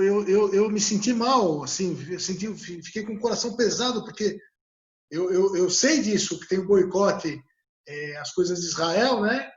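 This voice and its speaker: A man's voice: high voice, muffled recording. A man hosting an interview, chatting casually and hesitantly, with frequent restarts. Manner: hesitant, many restarts and fillers. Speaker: interview host.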